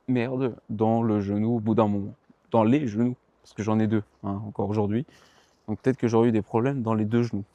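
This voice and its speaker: A man's voice: mid-range voice, mellow, no echo. A tired young man chatting casually to his viewers about his running training, rambling and correcting himself in slangy speech, outdoors. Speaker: running vlogger. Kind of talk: casual vlog chat to the viewer.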